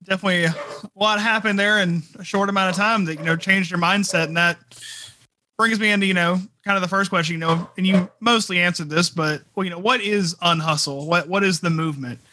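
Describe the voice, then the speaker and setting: Man, podcast host, high voice, bright tone, dry close sound. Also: steady tone, brisk. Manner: scripted intro, then hesitant questions with fillers. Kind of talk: podcast interview.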